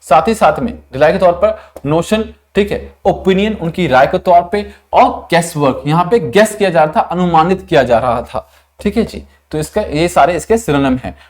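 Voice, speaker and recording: A young Indian man teaches an online vocabulary class in a patient, explanatory way. He stretches words out slowly so students can copy his pronunciation, then checks in with them before moving on. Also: on the high side, animated. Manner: frequent check-ins like "thik hai".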